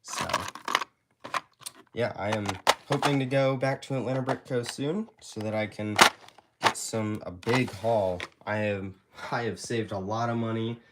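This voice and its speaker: A man's voice: lowish voice, steady tone, a little slow, heavy background noise. Stuffy young man rambling on a stream. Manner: rambling, hesitant, with many fillers and restarts. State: stuffy from allergies. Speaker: YouTube creator hosting a live Q&A. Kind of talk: casual live stream chat. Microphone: handheld phone camera.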